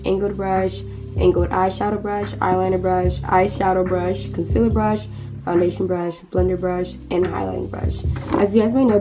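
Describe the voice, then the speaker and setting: A teenage beauty vlogger with a hoarse, nearly lost voice chats through her makeup routine, rambling with lots of fillers and restarts. Her pitch is mid-range, and clear background music runs beneath her on poor-quality audio.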